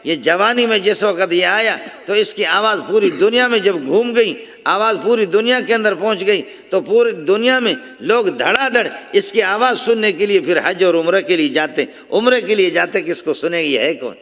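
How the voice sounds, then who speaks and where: A man delivers a storytelling sermon, his high voice rising for emphasis and dropping for asides. His voice rings out with a long reverb, as if recorded in a large conference hall. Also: animated. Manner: storytelling, impassioned, shifting between soft asides and raised emphasis. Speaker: religious speaker.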